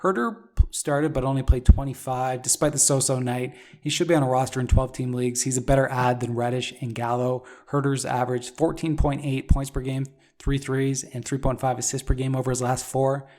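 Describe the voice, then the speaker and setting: A man hosting a solo fantasy basketball podcast, running through stats and advice with occasional fillers, his voice worn and going hoarse. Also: medium pitch, fairly even intonation, warm tone. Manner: rapid stat-heavy analysis with occasional fillers. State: losing his voice. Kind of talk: solo podcast game recap.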